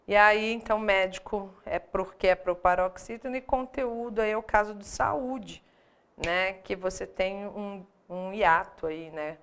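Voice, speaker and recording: Brazilian woman, grammar teacher, explains step by step and checks in often, slight gravel in the voice. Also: medium pitch, steady tone, a little slow, fairly bright tone. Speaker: Portuguese teacher for exam prep. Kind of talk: live online grammar lesson.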